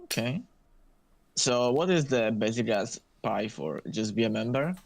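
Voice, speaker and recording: A man's voice: mid-range voice, animated, a little slow, creaky. A man in a casual chat as a co-host, with an inquisitive way of talking.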